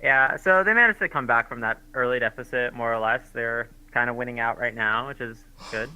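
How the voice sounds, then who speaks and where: A man's voice: medium pitch, fairly quick, pushed and bright, smooth, rough recording. A man giving casual, hesitant color commentary on a live esports match, with lots of fillers.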